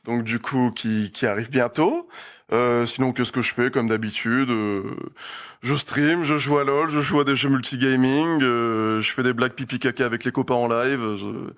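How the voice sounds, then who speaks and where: A man's voice: medium pitch, moderate pace. A man with an ordinary mid-range voice answers interview questions in an easygoing way. He jokes lightly through his answers. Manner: relaxed, joking. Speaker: streamer guest. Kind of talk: casual interview chat.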